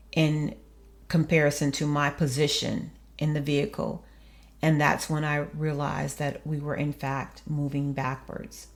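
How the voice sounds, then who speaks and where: A woman hosting a faith podcast, speaking in an earnest, measured, preacherly way. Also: low voice, creaky. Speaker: podcast host. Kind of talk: reflective faith podcast monologue.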